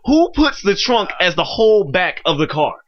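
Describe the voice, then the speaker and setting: Excitable young man in casual chat. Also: sits high, moderate pace, background noise. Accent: Cleveland. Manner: excitable, laughs through his lines. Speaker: guest. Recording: dull lo-fi sound.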